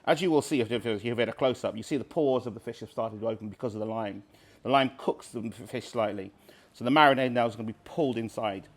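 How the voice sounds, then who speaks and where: A man's voice: mid-range voice, quick pace. A man from Barbados, casually explaining dishes as a street-food cook in a cooking demonstration. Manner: informal, explanatory.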